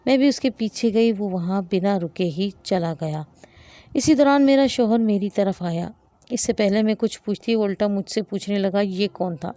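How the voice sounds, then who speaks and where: Mellow-voiced woman narrating an emotional story. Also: mid-range voice. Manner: emotional, dramatic reading. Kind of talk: first-person story narration.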